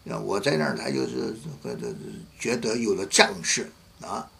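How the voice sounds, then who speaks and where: A man's voice: fairly low pitch, lively intonation, moderate pace, creaky, pushed and bright, husky. A man, a pastor, preaching a sermon and telling a story vividly, acting out the voices of the people he quotes.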